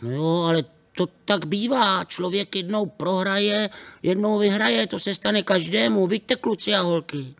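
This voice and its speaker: Puppet buddy for kids' TV, high voice, gravelly edge, cheeky, teasing, easily wowed. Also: male voice, a bit bright. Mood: amazed cheerful. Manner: chatty, teasing, easily amazed. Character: playful plush puppet pal, male, cheeky. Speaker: co-host puppet of a children's show. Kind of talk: children's TV puppet banter.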